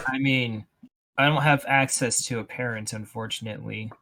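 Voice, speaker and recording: A man's voice: mid-range voice, moderate pace, gravelly, pushed and bright. A young man co-hosting a podcast in casual chat with friends, speaking in a dry, matter-of-fact way. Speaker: podcast co-host.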